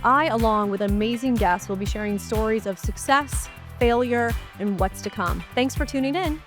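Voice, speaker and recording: Over soft background music, a woman hosts her own solo podcast Q&A, chatting casually at a moderate pace. Her slightly high voice sounds a bit nasal and stuffy from a cold. She's upbeat and uses plenty of fillers.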